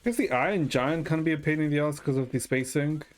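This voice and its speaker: Fast-talking and fairly high-pitched, a man streams a game and casually chats with viewers. He thinks aloud hesitantly and swears mildly, with music playing behind his voice.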